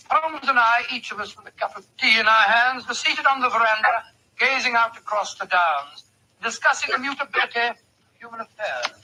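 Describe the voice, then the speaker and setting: An actor playing a genial retired doctor and loyal companion, telling a tale in a chatty, avuncular way in an old-time radio drama. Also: male voice, very high-pitched, pushed and bright, full character voice. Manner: avuncular, chatty, measured storytelling. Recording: noisy old radio broadcast.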